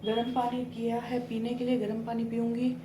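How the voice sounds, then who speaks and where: A woman's voice: a little high, monotone, normal speed, background noise. A woman in her thirties with a Rajasthani Hindi accent, chatting casually to her viewers as she does chores around her home. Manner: chatty, talks to viewers while doing chores; whispering so her sleeping husband is not woken. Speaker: vlogger. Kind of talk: casual home vlog chat.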